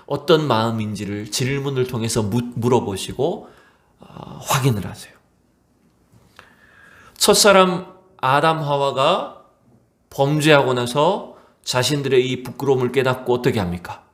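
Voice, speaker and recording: A man preaching a sermon with a very lively, swinging pitch. He keeps asking the congregation questions and answers them himself. Now and then he acts out short quotes. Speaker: pastor.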